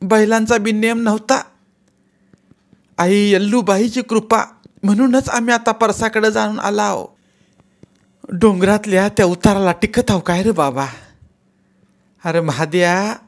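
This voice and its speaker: A man doing a shrill, furious old village woman. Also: measured pace, long pauses. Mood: lamenting. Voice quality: shrill, abusive. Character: foul-mouthed older village woman, scolding.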